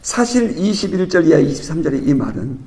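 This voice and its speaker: A man's voice: fairly high pitch, sing-song, a little fast, mellow. A middle-aged male pastor giving an expository sermon in a chatty way, laughing now and then and acting out the voices he quotes. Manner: conversational, laughing asides, acts out quoted voices. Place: church sanctuary. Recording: reverberant church hall.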